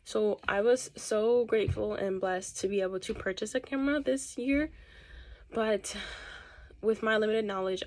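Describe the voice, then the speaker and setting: A young woman YouTuber talking casually to her camera. She talks fast and sometimes stumbles over her words. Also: medium pitch, darkish tone. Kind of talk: casual vlog talk to camera. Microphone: camera set across the room.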